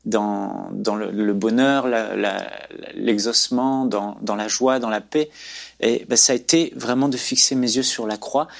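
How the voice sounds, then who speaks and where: A man's voice: lowish voice, unhurried, vocal fry. A man sharing a personal faith testimony in an earnest, preacherly storytelling way as a guest on a talk show.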